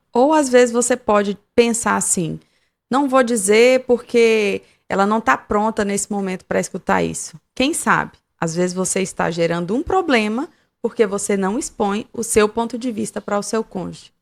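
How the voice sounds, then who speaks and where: A woman's voice: mid-range voice, moderate pace, creaky. A woman co-hosting a podcast, explaining marriage advice in a reflective way with examples. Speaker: podcast co-host. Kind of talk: casual advice chat.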